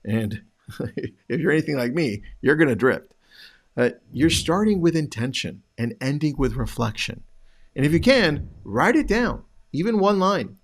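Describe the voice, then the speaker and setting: A man's voice: on the high side, sing-song, normal speed. A man hosting a show, giving direct motivational coaching to real estate agents with rhetorical questions. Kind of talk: motivational talk to camera.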